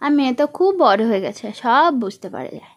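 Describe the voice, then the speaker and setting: High-voiced West Bengal woman cooing. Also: animated, fast talker. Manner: coos and repeats words playfully to her small daughter. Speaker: vlogger and mother. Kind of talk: casual home vlog chat. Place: village home.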